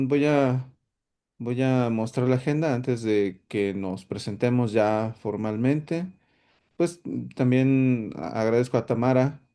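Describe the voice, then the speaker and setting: A man with a warm, clear, resonant voice of medium pitch hosts an online tech workshop. The solutions architect gives his webinar presentation hesitantly, full of fillers and restarts.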